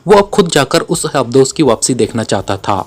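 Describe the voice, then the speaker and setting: A man narrating a spy novel aloud in a dramatic, expressive storytelling manner. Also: mid-range voice, normal speed.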